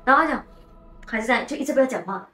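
A woman host tells a ghost story in a casual, animated way and drops English words into her speech. Her voice is fairly high and quick. It sounds like an echoey room with faint music in the background. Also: very noisy.

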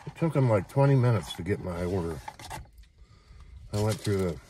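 A man in his sixties chatting casually to camera from inside a parked car, making short, unhurried remarks. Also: low-pitched, lively intonation, dark tone, slight background noise. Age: 60s. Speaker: vlogger. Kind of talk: casual chat to camera while eating.

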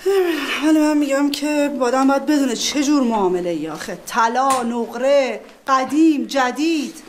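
Woman acting as a doubting wife, high voice, dry teasing, faint background noise. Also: close to an everyday voice. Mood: skeptical. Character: skeptical, sharp-tongued wife. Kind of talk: TV drama acting.

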